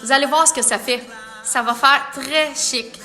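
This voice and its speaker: In a live makeup tutorial, a makeup artist with a Quebec French accent and a high, bright tone guides viewers at a normal speed. Faint soft music plays behind her as she chats playfully and often reads comments aloud.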